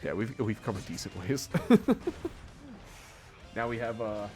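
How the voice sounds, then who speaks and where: A man's voice: fairly low pitch, measured pace, music in the background. A man casually commentating a live fighting-game tournament, rambling and chuckling often.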